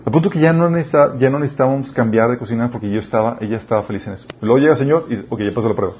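A young Mexican man preaches to a youth group in a lively, storytelling way, talking straight to the kids in front of him. His voice sits at an ordinary middle pitch. The recording sounds dull and muffled. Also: racing, slight background noise. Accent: Mexican Spanish. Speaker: youth pastor. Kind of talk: sermon.

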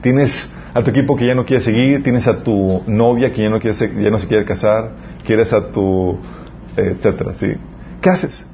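A man's voice: lowish voice, moderate pace, creaky. A young man, giving a conversational sermon as a youth preacher, telling stories and speaking straight to his audience. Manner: lively storytelling, addresses the audience directly. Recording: slightly muffled recording with faint background noise.

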